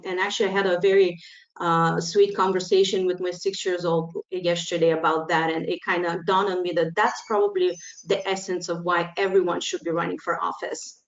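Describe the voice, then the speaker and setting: A woman from Bulgaria with a Bulgarian accent, giving a campaign introduction over a video call, halting with many ums and uhs. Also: lowish voice. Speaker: political candidate. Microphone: video call, camera off. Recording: dull lo-fi video call audio.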